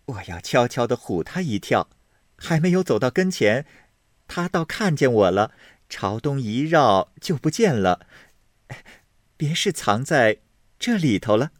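Male reader as composed, artful young lady, raised pitch, dry booth. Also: sing-song, measured pace, no echo.

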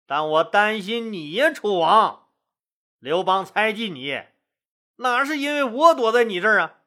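Brief: impassioned doomed general, high bright voice, as a male storyteller puts him on. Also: full character voice. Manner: reproachful, impassioned. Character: desperate, bitter male general facing death.

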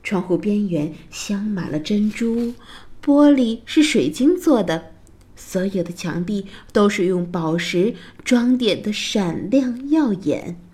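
Woman reading a kids' fairy tale, slow and lively, soft mellow tone. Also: medium pitch. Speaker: children's storyteller. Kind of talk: storybook narration.

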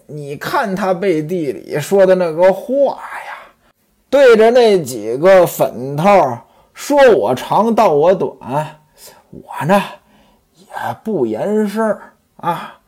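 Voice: medium pitch, a little mellow. A storyteller voicing a spiteful young concubine who complains bitterly in a storybook tale. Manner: bitter, gossiping.

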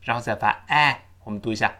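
A man teaching an English lesson, drilling pronunciation with slow, emphatic repetitions. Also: medium pitch, bright, forceful tone.

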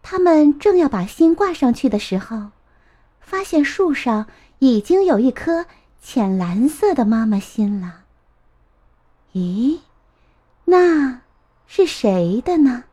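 A woman narrating a children's storybook in a gentle, expressive way. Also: high voice, slow pace, pauses often.

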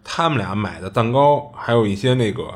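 Low-voiced man telling a ghost story. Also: expressive, fairly quick. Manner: chatty, colloquial, with many filler restarts. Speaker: podcast host.

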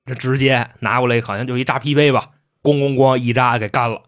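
A man retelling a classic novel comically, in animated, slangy talk with frequent laughs. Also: medium pitch, brisk. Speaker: storyteller host.

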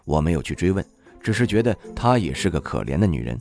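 A man narrating a novel in the first person, wry and expressive. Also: low-pitched, fast, gravelly, faint music behind. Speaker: audiobook narrator.

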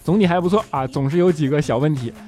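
A man's voice: on the high side, fast talker, darkish tone. Jokey man host reading comments. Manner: jokey, laughs often, teasing replies. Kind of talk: casual chat. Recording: music playing behind.

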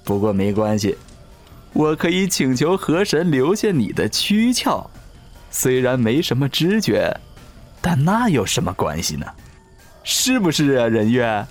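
A man voicing a cruel, gloating undying seducer in an audio drama, speaking in a slow, sneering, mocking way. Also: mid-range voice, big pitch swings, soft background music. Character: ageless male river-god servant, cruel gloating seducer.

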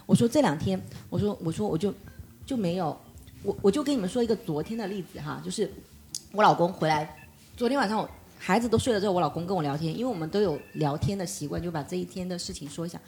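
一位三十多岁的女人在播客中闲聊，讲自己带孩子的经历，常模仿别人说话的语气。. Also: female voice, fairly low pitch, fast talker, slight background noise. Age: 30s. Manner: animated storyteller acting out quoted dialogue. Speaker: podcast guest. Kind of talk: casual chat.

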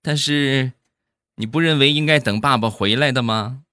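A man putting on the voice of a young mother, speaking in a high falsetto with exclamations. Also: moderate pace, sharp tone, no room sound, clean studio sound, close to an everyday voice. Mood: surprised. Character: young mother, surprised and coaxing.

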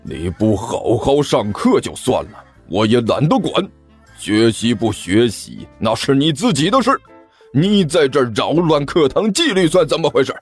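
A man's voice: medium pitch, sing-song, normal speed, soft background music. Man playing a scolding math teacher. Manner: scolding, barking. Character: short-tempered male math teacher.

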